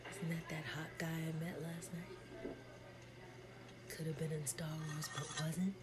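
A woman's voice: low voice, little pitch movement, measured pace, loud music behind the voice. A woman hosting a podcast, chatting casually over a movie with joking asides. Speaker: podcast host.

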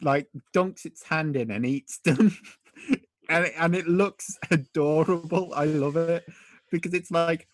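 A man's voice: fairly high pitch, a little slow. A man on a casual podcast, chiming in with joking asides about an episode. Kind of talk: casual TV episode review chat.

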